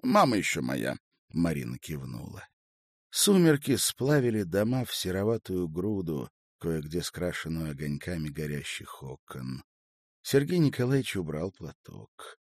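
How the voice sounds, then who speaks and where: A man narrating a novel in a measured, even storytelling manner. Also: low-pitched, no echo.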